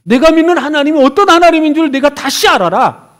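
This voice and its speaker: A man, a pastor, preaching a sermon with expressive delivery, voicing God and Elijah in turn and swinging from hushed to loud. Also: very high voice, fairly quick.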